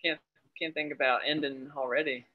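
This young adult man, an Air Force family medicine resident, has a voice on the high side with fairly even intonation and a moderate pace. He chats upbeat and laughs easily in a casual interview over a video call. The video-call audio sounds dull.

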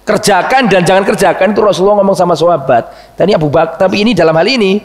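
A man's voice: high-pitched, quick pace. A man giving a storytelling religious lesson, quoting Arabic and explaining it, and asking his audience questions. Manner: recites Arabic phrases then explains them in Indonesian; lively storyteller who asks the audience questions. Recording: echoey hall with long reverb.

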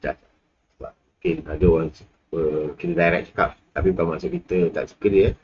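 A man with a Malaysian accent lectures a class in a low, steady voice at a quick pace, rambling casually with many fillers, laughs and asides. The recording has its highs cut off and slight background noise.

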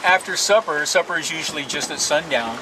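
A man's voice: on the high side, animated, fairly quick. An older man casually explaining life at sea on a sailboat, talking easily while he films. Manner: easygoing, explains plainly while filming. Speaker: sailing vlog co-host. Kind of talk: casual chat. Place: cockpit of a sailboat at sea, outdoors. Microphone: camera mic. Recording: camera audio with clear wind and sea noise.

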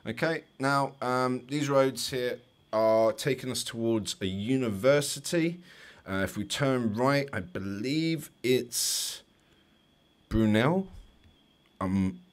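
A man's voice: mid-range voice, animated, slow. Chatty London driving instructor man. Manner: chatty, explanatory, light jokes. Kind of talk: commentary over driving test footage.

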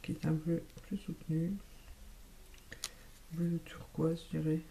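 A woman's voice: deep voice, little pitch movement, slow, creaky, warm tone, a little hiss or hum. A woman vlogger chatting casually about the makeup she bought, half-whispering some words. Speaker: beauty vlogger. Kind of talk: casual makeup haul chat. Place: home room with lights.

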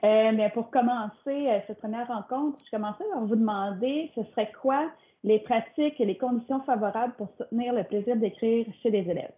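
A woman's voice: a little high, fairly quick. A young woman, a doctoral student, moderating an online talk, speaking hesitantly with many filler sounds. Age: young adult. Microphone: computer mic on a video call. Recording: tinny phone-like video call audio.

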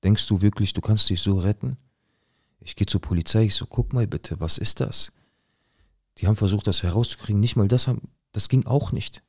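A man's voice: on the low side, brisk, vocal fry, no echo, studio quality. A man playing a paranoid young dealer. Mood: tense. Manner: coarse slangy swearing. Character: paranoid young male drug dealer, rough-talking. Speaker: narrator of his own story. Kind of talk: dramatic first-person monologue.

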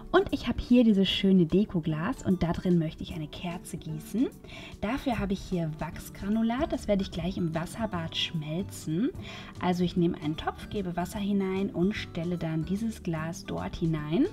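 A woman calmly explaining a crafting project step by step, as host of a tutorial video. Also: lowish voice. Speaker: DIY channel host.

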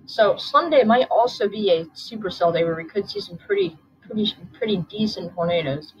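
A woman's voice: mid-range voice, sing-song, moderate pace, slight background noise. A woman with a sore throat, just woken up, hosting a casual weather forecast and thinking aloud as she goes. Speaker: channel host. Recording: dull lo-fi recording with soft background music.

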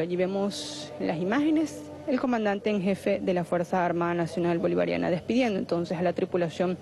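A Venezuelan woman giving formal live news commentary in measured, ceremonious phrases as a television reporter. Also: mid-range voice. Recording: noisy live broadcast with ambient sound.

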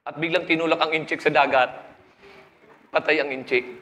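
A man's voice: a little high, steady tone, brisk, bright, forceful tone, slight background noise. A Filipino man, preaching a sermon with joking stories and English phrases, recorded in an echoey hall. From Philippines. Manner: storytelling with jokes, switching to English.

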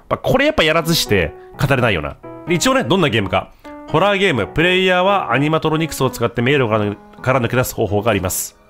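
A man doing casual, mocking gameplay commentary as a streamer, breaking into sudden loud outbursts. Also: mid-range voice.

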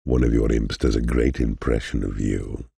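Game casting: sinister, sardonic demon mentor, very dark growling tone, dry close recording. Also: male voice, extremely low pitch, steady tone, no echo, heavily acted. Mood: deadpan, mocking. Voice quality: gravelly, growling, husky. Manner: mentor giving slow, mocking, drawn-out advice. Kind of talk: scripted video game narration.

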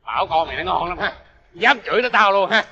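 An actor playing a drunk, violent middle-aged uncle who shouts threats. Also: male voice, high voice, lively intonation, fast, in a large hall, muffled recording, a little hiss or hum, heavily acted. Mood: furious.

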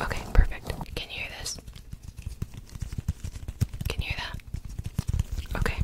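A young woman in her twenties doing a fast ASMR whispered role-play as a brisk medical examiner, giving clipped, repetitive instructions close to the mic. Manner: fast, brisk, clipped ASMR delivery with repeated short words. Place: small indoor room with gaming chair. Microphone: desk microphone close in front of her.

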